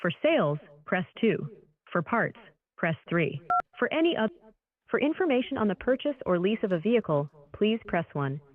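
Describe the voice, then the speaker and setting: A woman's voice in a recorded phone message, reading scripted menu prompts in an even, announcing manner. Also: medium pitch, moderate pace. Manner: evenly paced, scripted announcing. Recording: tinny phone line.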